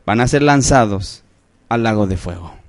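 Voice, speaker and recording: A man preaching a sermon in church, emphatic, rising to outcries and dropping to low solemn phrases. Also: animated, normal speed. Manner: addresses listeners as brothers, asks rhetorical questions.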